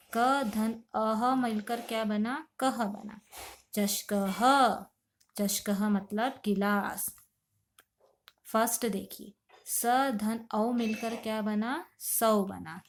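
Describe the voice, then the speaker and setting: A woman's voice: mid-range voice, slight background noise. A woman teaching a grammar lesson, asking questions and answering them herself, step by step and patiently. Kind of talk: classroom lesson explaining Sanskrit grammar.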